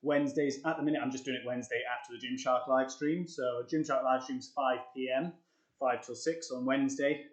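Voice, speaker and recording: A man's voice: medium pitch, fairly even intonation, fairly quick. A young man with an upbeat, chatty manner, coaching a live-streamed workout tutorial and out of breath between sets of push-ups. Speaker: fitness coach. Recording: echoey room.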